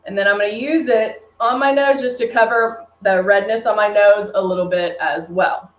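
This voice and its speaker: With a mid-range voice, fairly even intonation and normal speed, a Texan woman runs a live makeup tutorial for a beauty brand, chatting with commenters as she works. The stream sounds dull and lo-fi, echoing off the room.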